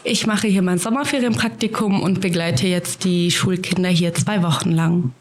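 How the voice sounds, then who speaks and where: A woman's voice: on the low side, fairly even intonation, moderate pace. Eighteen-year-old woman, friendly. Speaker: trainee childcare worker. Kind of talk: casual interview answers.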